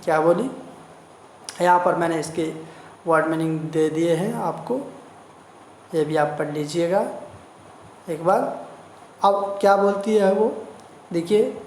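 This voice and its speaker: Slow, echoey Sanskrit teacher. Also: medium pitch, a little mellow. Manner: glosses each word slowly, repeats meanings. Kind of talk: line-by-line translation lesson. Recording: roomy echo, faint noise.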